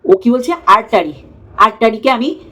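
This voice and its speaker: A woman's voice: fairly high pitch, moderate pace, pushed and bright. A woman giving a scornful, mocking commentary rant in a casual tone. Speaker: YouTube commentator.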